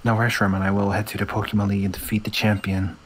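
A man reading video game dialogue as a calm, solemn young idealist rival in a measured way. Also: lowish voice, a little hiss or hum, close to an everyday voice.

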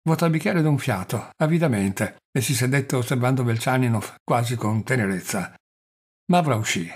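A man narrating a classic novel as an audiobook reader, in a steady, measured storytelling manner. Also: mid-range voice, slightly rough.

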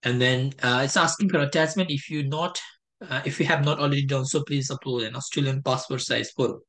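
This young man from Nepal, a test prep tutor, has a medium-pitched and fairly bright voice. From his home, using a headset mic, he gives a relaxed step-by-step screen-share tutorial, frequently restarting and using lots of fillers.

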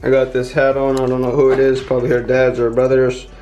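A young man chatting casually on camera in a vlog, laid-back and full of slang like "yo", with a gravelly voice. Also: medium pitch, monotone, quick pace, darkish tone, highs cut off, faint music behind. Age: young adult. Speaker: friend in vlog. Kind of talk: casual chat. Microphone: handheld camera.

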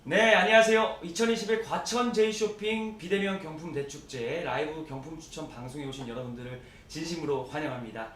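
A man hosting a live prize draw as a booming, projected announcer, formal, polite and emphatic. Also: brisk, hardly any pauses. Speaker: host of a prize draw live stream, actor. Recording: echoey room, distant mic, faint noise.

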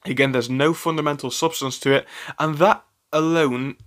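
Talking at a moderate pace in a voice on the high side, a man runs a stock commentary channel. His delivery is opinionated and lively, full of fillers and self-corrections.

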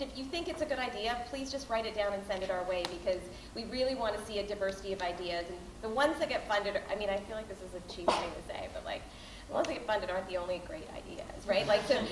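A Canadian woman in her thirties gives a casual, bubbly announcement in an everyday voice of middling pitch. She fills her talk with ums and likes. She is caught by a distant camera in a large, reverberant hall with faint background hiss. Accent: Canadian English. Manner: bubbly, chatty, many fillers. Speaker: board chair announcing grants. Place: large hall with a mural, indoors. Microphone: far camera, no microphone.

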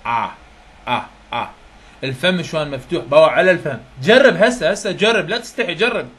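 A man's voice: a little high, fast, fairly bright tone. Man teaching pronunciation in class. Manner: coaxing, repeats sounds for students to copy. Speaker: university English teacher. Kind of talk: classroom phonetics lesson in Arabic and English.

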